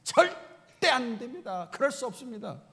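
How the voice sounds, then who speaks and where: An indignant, rough-handed fisherman , played by a preacher, protesting loudly with a gravelly edge. His words ring through the long reverb of a church hall. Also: extremely high pitch, very animated, moderate pace, pitched above the performer's own voice, full character voice.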